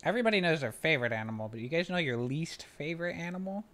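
Young male streamer from Taiwan, relaxed and chatty, headset mic, home room. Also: a little high, racing. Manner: relaxed, chatty, reads and answers chat questions. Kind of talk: casual chat with viewers while playing a card game. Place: small room at home, indoors.

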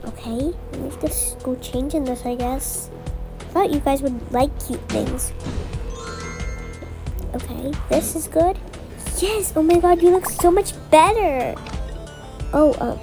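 A woman narrating and role-playing a game story in a chatty, filler-heavy way. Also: high-pitched.

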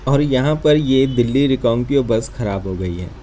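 A man narrating a bus journey for his travel vlog, calm and informative. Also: medium pitch, moderate pace, a little hiss or hum. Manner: informative, matter-of-fact. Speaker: travel vlogger.

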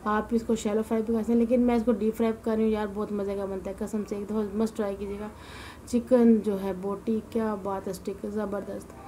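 A woman narrates her home cooking in an easy, chatty way, scattering devotional exclamations through her talk. She sounds tired and weary from fasting. The voice-over carries a clearly audible noise floor. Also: medium pitch, level tone, dark tone, low-quality recording. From Punjab, Pakistan. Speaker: cooking channel host. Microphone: voice-over mic, not in the pictured kitchen.

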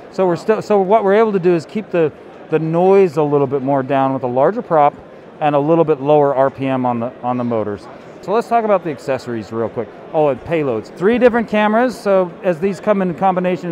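A man's voice: on the high side, a little mellow. A man casually demonstrating a product at a convention booth, loose and enthusiastic with lots of fillers. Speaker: company representative.

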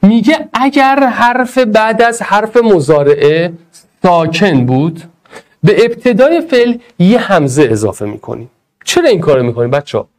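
Lively, high-pitched male Arabic teacher. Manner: animated, playful, addresses students directly. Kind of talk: energetic online lesson.

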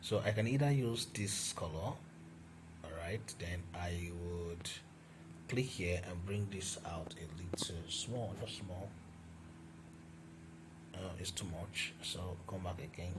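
A man with a deep, low voice narrates a screen-recorded design lesson at an unhurried pace. He talks through each step as he goes, with fillers and restarts. Background noise runs clearly under his voice. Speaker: design tutor. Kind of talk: screen-recorded software tutorial.

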